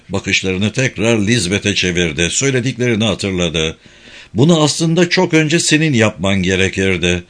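A man narrating a prison thriller audiobook in a dramatic, scripted reading. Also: fairly low pitch. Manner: dramatic, expressive.

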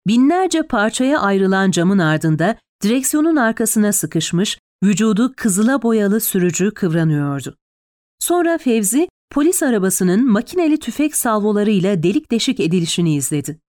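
A woman's voice: medium pitch, very animated, moderate pace, a little mellow, no echo, clean studio sound. A woman narrating a tense, dramatic audiobook.

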